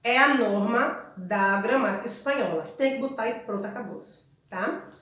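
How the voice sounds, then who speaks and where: Woman, teacher explaining a lesson, fairly high voice, very echoey room. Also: moderate pace, a bit bright, a little hiss or hum. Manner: explanatory, checks in with tags like "ok?" and "tá?". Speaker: Spanish teacher. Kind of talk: online class lecture. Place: room at home.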